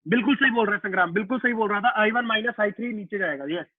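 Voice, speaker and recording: A man's voice: high voice, rapid-fire, no echo. A man teaching a physics lecture to an online class, casual and repetitive, often putting students' questions to himself. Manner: casual, addresses students as "beta" and "yaar". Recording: tinny, dry phone-like line.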